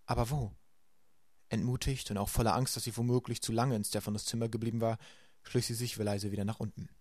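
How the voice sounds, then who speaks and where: Brisk male audiobook narrator. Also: medium pitch, flat delivery, a little mellow, dry recording, studio quality. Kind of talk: amateur audiobook reading.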